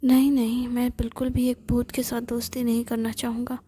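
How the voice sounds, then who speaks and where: A woman voicing a nervous young man who mutters anxiously and chats with a ghost, in a breathy whispered role-play. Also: fairly high pitch, little pitch movement, a little fast, dark tone. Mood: puzzled. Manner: fretful, muttering to himself.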